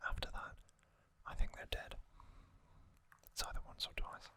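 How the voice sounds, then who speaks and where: A male ASMR host recaps trivia gently in a breathy whisper, his sibilants bright and crisp. He takes his time, speaking slowly in short, drawn-out phrases.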